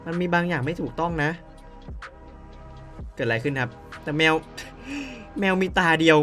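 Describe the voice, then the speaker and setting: Bright-voiced man reading game lines. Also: on the high side, very animated, faint music behind. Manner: reads story lines aloud, then breaks off with quick puzzled asides. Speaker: game streamer. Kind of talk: let's play commentary, reading game text aloud.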